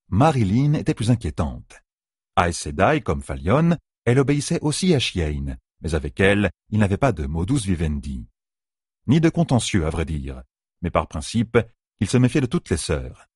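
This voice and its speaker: Low husky male audiobook narrator. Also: a little mellow, no room sound, studio quality. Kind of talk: scripted narration.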